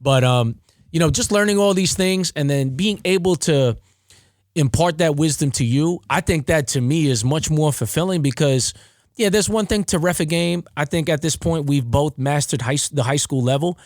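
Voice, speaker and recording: A man hosts a podcast chat in a reflective, mentoring way, drawing his guest out with questions. His voice sits a little higher than most men's. The sound is close and dry. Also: moderate pace, no echo. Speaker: podcast host and referee. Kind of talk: casual podcast conversation.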